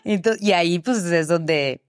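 Female co-host with a lowish voice, dry close mic, casual and chatty. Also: fairly quick, no echo. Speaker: podcast co-host. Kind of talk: casual conversational chat.

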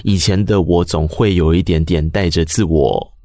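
A man's voice: sits low, fairly even intonation, normal speed, a little mellow, dry recording, studio quality. A man with a Taiwanese Mandarin accent, hosting a reflective conversational interview in an earnest, confiding way. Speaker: interviewer, podcast host.

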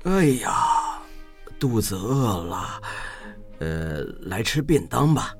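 An actor playing a kindly, absent-minded old woodcutter in a children's story, with a chuckling, folksy manner. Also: male voice, on the low side, big pitch swings, slow pace, faint music behind, full character voice. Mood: jolly.

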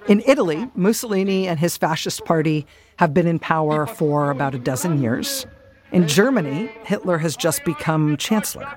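A man hosting a podcast, reading a measured scripted introduction. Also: on the high side, expressive. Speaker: podcast host. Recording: crowd noise behind the voice. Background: crowd noise.

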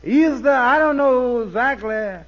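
Very high-pitched slow sidekick. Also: male voice. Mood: puzzled, agreeable. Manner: hesitant, drawling, folksy. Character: slow-witted, good-natured male sidekick, meek and drawling. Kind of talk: 1940s radio comedy acting. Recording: dull lo-fi 1940s radio recording.

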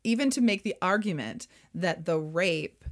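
Low-voiced woman with vocal fry. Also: animated, normal speed. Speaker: podcast co-host. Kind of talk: casual history podcast discussion.

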